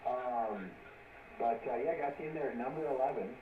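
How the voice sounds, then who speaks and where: A man's voice: medium pitch, normal speed. Man over static-filled ham radio. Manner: easygoing, chatty, many filler words. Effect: heard over a ham radio receiver with static. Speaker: net control operator. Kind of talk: running an amateur radio check-in net. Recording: distant, muffled radio with loud static and echo.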